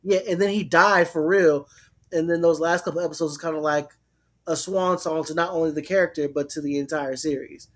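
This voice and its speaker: A man in a casual chat with friends, talking in a relaxed, reflective way and drawing out his phrases. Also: a little high, brisk.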